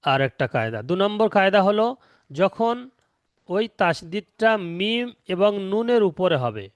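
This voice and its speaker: Patient male Quran teacher, clear high voice. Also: very animated, no room sound. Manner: slow patient explanation, repeats each rule step by step. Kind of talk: online tajweed lesson.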